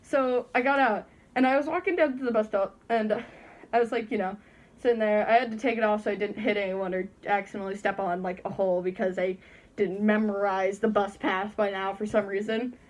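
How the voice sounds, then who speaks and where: A woman's voice: mid-range voice, fairly even intonation, fairly quick. A teenage girl casually telling a story from her bedroom while wearing a costume head, chatty and giggly, acting out the people she quotes. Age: teens. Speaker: vlogger.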